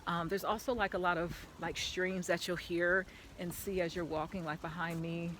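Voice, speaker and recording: A woman's voice: lowish voice, steady tone, normal speed, fairly bright tone, a little hiss or hum. A woman vlogging casually while walking on an outdoor park path, chatty and rambling, filling her talk with "like", speaking into a handheld camera. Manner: chatty, rambling, lots of "like" fillers; talking while walking uphill.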